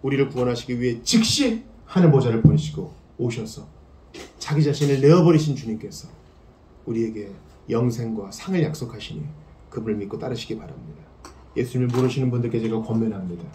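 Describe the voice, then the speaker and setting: A man preaching a sermon as pastor, swinging between loud emphasis and hushed tones. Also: mid-range voice, animated, a little fast, reverberant, slight background noise.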